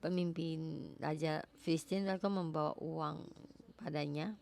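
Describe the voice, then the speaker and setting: Woman preacher, low gravelly voice, halting and repeating herself for emphasis. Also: fairly even intonation, darkish tone. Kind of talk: sermon.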